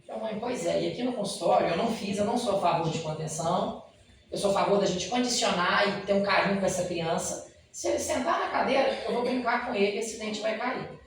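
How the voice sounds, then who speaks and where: Man lecturing in a booming echoey hall. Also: fast talker, slight background noise. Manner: animated storytelling, often addressing the audience. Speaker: dentist giving a lecture. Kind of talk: spoken lecture with told stories. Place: lecture hall at a spiritist center. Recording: very echoey hall, mic far off.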